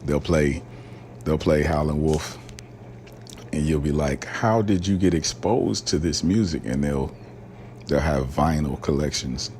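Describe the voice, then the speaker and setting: Talking alone on his casual podcast, this host from rural Alabama has a very deep, darkish voice and meanders loosely through filler words and slang at an unhurried pace. A faint noise hiss sits under the audio.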